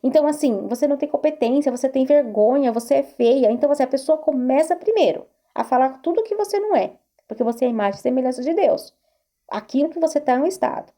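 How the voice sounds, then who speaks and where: A woman's voice: sits high, lively intonation, fast talker, dark tone. A woman therapist giving an earnest self-help talk to camera, repeating herself and asking rhetorical questions. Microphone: recorded video to camera.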